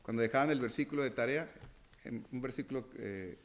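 Man preaching, loud then hushed. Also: medium pitch, brisk, slight background noise. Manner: preaches with rhetorical questions, swinging from loud to hushed. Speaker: pastor. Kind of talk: sermon.

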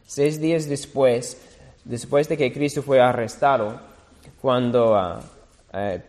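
A man preaching a sermon, reading scripture aloud slowly and deliberately, now and then correcting himself. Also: mid-range voice, a little mellow, big-room sound.

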